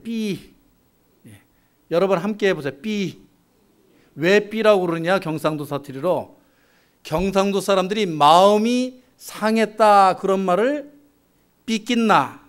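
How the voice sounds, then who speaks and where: A man preaching a sermon as pastor, measured and asking the congregation rhetorical questions. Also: sits high. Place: church sanctuary.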